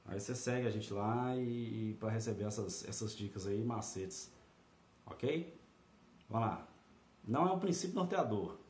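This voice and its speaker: A man's voice: lowish voice, moderate pace, darkish tone, a little hiss or hum. Guy tutoring thru a practice test, chatty, keeps checking in, kinda echoey room. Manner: chatty, checks in with tag questions often. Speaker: exam-prep tutor. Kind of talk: casual video lesson walking through a practice test.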